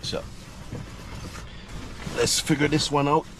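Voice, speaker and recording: A middle-aged man chatting slowly and casually to viewers while driving home through city traffic, filmed on a camera mounted in his car. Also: a little high, gravelly. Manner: slow, relaxed, repetitive chat to viewers. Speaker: vlogger. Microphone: action camera mounted in the car. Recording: loud road and car noise.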